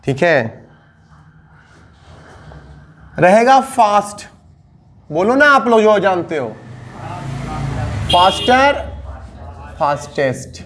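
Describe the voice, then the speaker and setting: A man with a Bihari Hindi accent leads a grammar lesson in a high, lively voice that swoops up and drops low. He talks slowly and coaxes his students, repeating each point and stretching out the word endings. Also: a little hiss or hum. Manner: coaxing, repetitive teaching with drawn-out word endings. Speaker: English grammar teacher.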